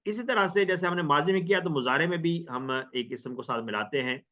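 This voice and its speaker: A man's voice: fairly high pitch, brisk, pushed and bright. A man teaching an Arabic grammar lesson in Hindustani, patiently drilling phrases in question and answer. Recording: dull lo-fi recording.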